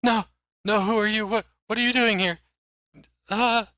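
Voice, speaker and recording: A man voicing a cursed, crazed old male mayor in a tabletop game, who mutters gory chants in a low, eerie voice and shrieks in sudden terror. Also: steady tone, measured pace, bright, forceful tone, no room sound. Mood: terrified.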